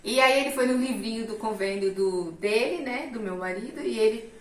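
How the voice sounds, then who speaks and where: Middle-aged woman, animated testimony storyteller, highish voice, roomy distant mic. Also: normal speed. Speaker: guest telling her testimony. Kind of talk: personal testimony in casual conversation.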